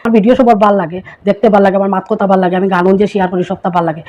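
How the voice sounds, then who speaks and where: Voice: mid-range voice, level tone, racing, darkish tone. A small content creator with a Sylheti accent from Assam, India, explaining words in a casual vlog. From Karimganj, Assam, India. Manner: chatty, keeps asking listeners rhetorical questions.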